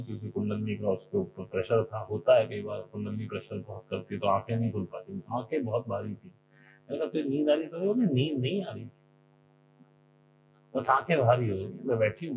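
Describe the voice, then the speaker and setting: A man's voice: fairly low pitch, fairly quick, creaky. A man giving an informal spiritual talk in a conversational manner, leaning on stories from his own life and often mimicking what others said. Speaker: spiritual speaker. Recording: noisy recording with a steady hum.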